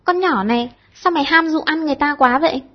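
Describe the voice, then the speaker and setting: A woman doing a quiet, giggly teenage girl. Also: sits high, fast talker, highs cut off, voice pushed up, lightly acted. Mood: amused.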